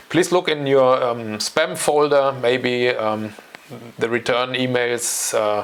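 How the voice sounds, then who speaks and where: This German-accented man from Germany, in his forties, runs his own channel and addresses the camera solo from his home. His medium-pitched voice is gravelly with a fairly bright tone, and his casual talk is hesitant and peppered with ums and uhs.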